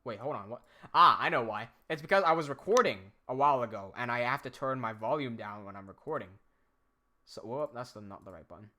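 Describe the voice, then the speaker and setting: Chatty and expressive, this American-accented man speaks fairly quickly at medium pitch. He's live streaming, working through viewer questions aloud as he tinkers with his software.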